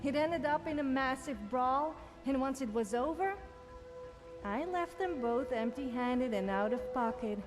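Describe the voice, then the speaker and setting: Sofia, cheeky higher-voiced adventurer. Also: female voice, unhurried. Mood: smug, amused. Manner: cheeky, self-satisfied, dry. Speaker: video game follower character. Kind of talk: scripted game dialogue. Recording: music behind voice. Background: game music.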